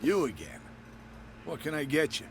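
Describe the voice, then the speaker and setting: An actor playing a wary, secretive island barkeeper in a video game. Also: male voice, a little high, very animated, normal speed, a little hiss or hum. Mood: guarded. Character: guarded, world-weary male island barkeeper.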